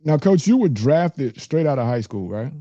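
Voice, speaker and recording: A man's voice: mid-range voice, sing-song, normal speed, dark tone, no echo, muffled recording. A man hosting a casual, conversational interview. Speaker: interview show host.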